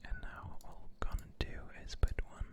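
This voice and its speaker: A young man whispering ASMR close to a microphone, explaining casually and a little hesitantly. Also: moderate pace. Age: young adult. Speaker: ASMR content creator. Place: small dark indoor room. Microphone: close foam-covered studio microphone.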